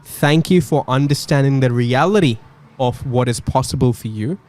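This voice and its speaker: A man hosting a casual panel chat, talking in quick, animated bursts. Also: medium pitch. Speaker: podcast host.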